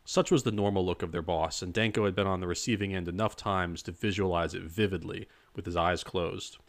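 A man narrating a dark crime story in a measured, even storytelling manner. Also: low voice. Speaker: audiobook narrator. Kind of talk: scripted narration.

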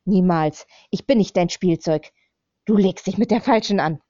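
A woman voicing a frightened but defiant young woman who shouts at her tormentor, on a slightly dull recording. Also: lowish voice, normal speed, no echo, close to an everyday voice.

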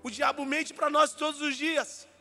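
Guy preaching in church, super high sharp voice, acts out all the dialogue, big hall echo with music underneath. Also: normal speed. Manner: animated, acts out dialogue, sometimes shouts. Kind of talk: sermon with storytelling.

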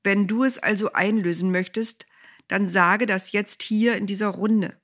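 A woman voicing a middle-aged male landowner who is calm and shrewd, calling out loudly to gathered men. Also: mid-range voice, a little slow.

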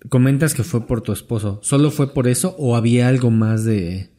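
Guy hosting, chill slangy questions, mid pitch, kinda warm. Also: normal speed. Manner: relaxed, slangy, rambling questions. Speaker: podcast host. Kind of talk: casual interview questions.

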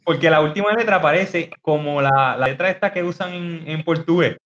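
Podcast host, man, slightly high voice, hesitant and chatty, dull lo-fi call audio. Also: brisk, fairly bright tone, slight background noise. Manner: hesitant, many fillers and restarts, laughs easily. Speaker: podcast host teaching biblical Greek. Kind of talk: casual teaching chat on a podcast.

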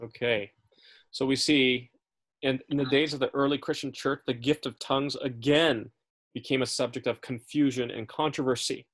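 This man's mid-range voice is steady and fairly bright, delivered at a moderate pace. Teaching a Bible study in native English, he stays casual and chatty, checking in with listeners often and making frequent self-corrections and fillers.

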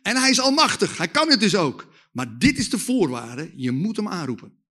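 A man preaching a sermon with testimony, leading lively call-and-response with the audience and shouting at the climaxes. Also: sits high, normal speed.

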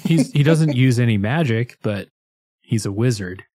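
A man's voice: medium pitch, lively intonation, moderate pace, mellow, no room sound, studio quality. A man co-hosting a podcast in casual chat, candid and wry, laughing often and stammering as he starts his points. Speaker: podcast co-host.

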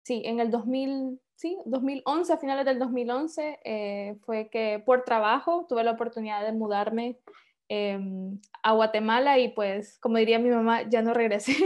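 A woman's voice: on the high side, unhurried, darkish tone, lo-fi sound. Chatty Honduran woman in her thirties. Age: 30s. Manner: chatty, many fillers and restarts. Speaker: podcast guest. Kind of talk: casual interview chat.

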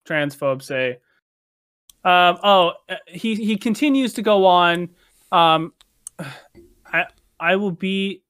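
High-voiced man in casual chat. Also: a bit bright, no echo, clean studio sound. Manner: rambling, filler-heavy, swears casually.

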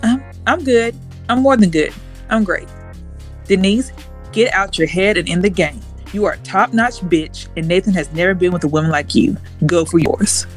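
A woman's voice: on the low side, normal speed, faint music behind, close to an everyday voice. A woman playing a frank, nervous young woman. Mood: self-coaching. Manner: blunt, self-talking, whispers on the phone. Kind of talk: audio drama inner monologue.

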